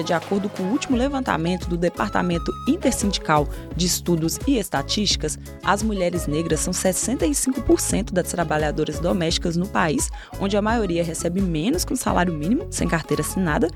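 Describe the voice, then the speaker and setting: A woman podcast host delivering scripted narration in a clear, measured way. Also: lowish voice. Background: background music.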